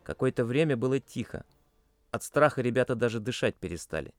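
A man's voice: medium pitch, a little fast, no room sound, soft background music. Man narrating a tense audiobook. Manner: tense, expressive storytelling.

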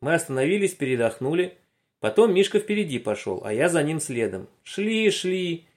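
A man narrating a children's story aloud in an expressive, animated way. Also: a little high, normal speed.

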